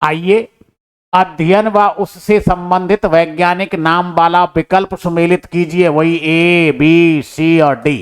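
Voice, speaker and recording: This answer-key lesson features a man whose voice is on the high side, steady and clean, moving at a slow pace. He solves the exam paper step by step, posing questions he then answers, and refers to his students as brother.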